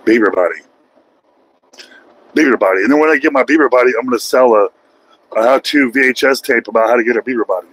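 A man's voice: medium pitch, quick pace, pauses often, a bit bright, slightly rough, rough recording. A man in his forties with an American accent, a truck driver vlogging from his cab at night, rambling and joking at his own expense. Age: 40s. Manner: rambling, self-mocking, joking. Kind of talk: casual vlog monologue while driving. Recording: faint road and engine noise.

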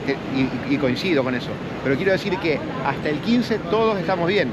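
A man's voice: on the high side, animated, fairly quick. A middle-aged man, chatting as he walks a vlogger's camera through a big indoor expo hall. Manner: chatty, friendly, switches to broken English. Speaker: running vlogger. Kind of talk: live walkaround vlog. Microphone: handheld action camera. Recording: loud crowd hall noise.

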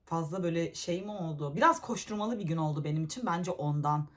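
A woman's voice: deep voice, fast talker. A young woman chatting casually into her phone camera in a giggly, scattered way. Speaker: reaction vlogger. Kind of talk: casual reaction chat.

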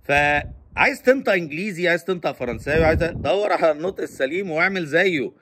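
A man's voice: on the high side, expressive, fast, a bit bright, a little hiss or hum. A man with an Egyptian Arabic accent, giving casual advice in a joking, teasing monologue and mimicking silly speakers.

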